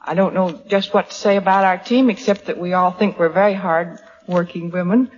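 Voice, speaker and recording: A woman's voice: on the low side, fairly even intonation, normal speed. Woman contestant on vintage radio. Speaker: quiz contestant. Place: large hall at a live radio broadcast. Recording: dull hissy old radio recording, hall reverb.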